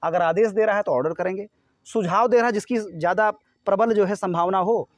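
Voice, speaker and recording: A man's voice: high voice, a little fast, no room sound, clean studio sound. A man from India teaching a grammar lesson to students, explaining step by step and often checking that they follow.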